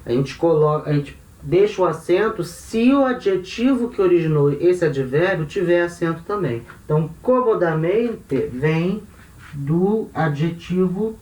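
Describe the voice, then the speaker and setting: A man's voice: sits high, animated, measured pace, a little mellow, echoey room, far from the mic. A man with a Brazilian Portuguese accent teaching grammar patiently, often checking in with tag questions. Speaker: language teacher. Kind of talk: explaining grammar.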